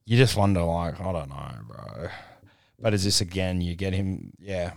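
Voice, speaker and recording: A man's voice: sits low, moderate pace, gravelly, no room sound, studio quality. A man with an Australian accent co-hosting a podcast in casual sports banter, talking in a blokey, slangy, sweary way. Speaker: podcast co-host.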